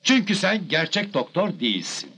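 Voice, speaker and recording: An actor playing a stern, accusing government health inspector in a film, formal and authoritative. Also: male voice, high-pitched, sing-song, moderate pace, pushed and bright, a little hiss or hum, exaggerated voice. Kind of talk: comedy film acting.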